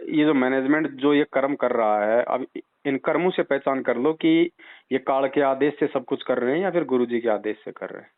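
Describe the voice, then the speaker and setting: A spiritual advisor takes a caller's doubts on the phone, his mid-range voice moving at a moderate pace. He admonishes insistently, offering religious guidance and pushing his arguments through rhetorical questions. The call sounds tinny and band-limited.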